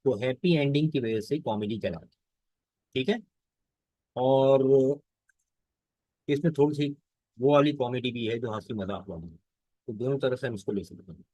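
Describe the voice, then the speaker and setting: A male teacher gives a lesson, speaking in a mid-range voice. He reads lines of the text slowly, then explains them in Hindustani, often asking a question and answering it himself. The recording is close and dry, with no room sound. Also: medium pitch, dark tone, dry recording, poor audio. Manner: fills pauses with "theek hai". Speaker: English teacher. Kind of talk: lecture explaining a text line by line.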